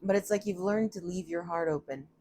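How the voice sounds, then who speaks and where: A woman's voice: fairly low pitch, fairly quick, warm tone, slight background noise. A woman giving a casual, chatty tarot reading from a room at home, thinking aloud and often laughing at herself. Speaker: tarot reader.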